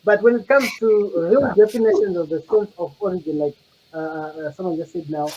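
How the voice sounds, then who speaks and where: Man panelist with a high voice, halting and reflective, muffled lo-fi audio. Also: dark tone, slight background noise. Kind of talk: casual panel discussion.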